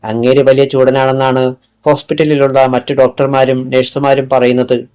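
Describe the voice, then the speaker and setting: A man voicing a smooth, evasive male hospital doctor in an audiobook, polite and calm as he denies everything. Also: medium pitch, moderate pace, lightly acted.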